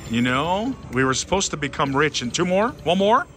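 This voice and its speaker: A man giving casual, excited, theatrical commentary as he gambles, repeating phrases pleadingly and addressing his viewers. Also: a little high, normal speed. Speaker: slot machine gambling vlogger. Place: busy casino floor at a slot machine. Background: slot machine music.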